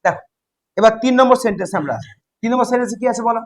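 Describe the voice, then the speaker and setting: A man's voice: very high-pitched, very fast, poor audio. A man with a Bengali accent teaching an English grammar class, drilling students with repeated questions.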